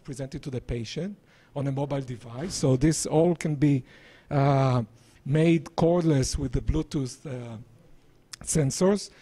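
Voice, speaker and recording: A man in his sixties giving a live project presentation on a handheld microphone, speaking haltingly in broken-up phrases. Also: a little high, warm tone. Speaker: presenter, visiting scientist and entrepreneur. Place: small indoor presentation room. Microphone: handheld microphone, held at varying distance.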